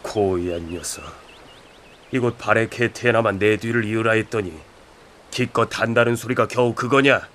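A man's voice: on the low side, fairly even intonation, moderate pace, fairly bright tone, lightly acted. A man playing a stern, ancient wizard master in a radio drama, solemnly admonishing his pupil. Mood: scolding.

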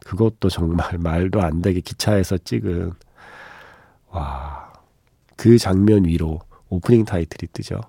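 A male radio host talks in a low, very mellow voice that is clearly nasal and blocked by a stuffy nose. He tells stories conversationally, pausing and exclaiming, with a gravelly creak underneath. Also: no echo, clean studio sound. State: stuffy nose from seasonal rhinitis. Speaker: radio film-music show host. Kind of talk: conversational radio hosting, storytelling. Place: radio studio.

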